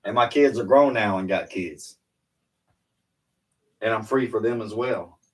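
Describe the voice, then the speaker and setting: Low-voiced candid man chatting. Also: a little slow, far from the mic, poor audio. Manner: rambling, candid storytelling. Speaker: podcast co-host. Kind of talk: casual chat.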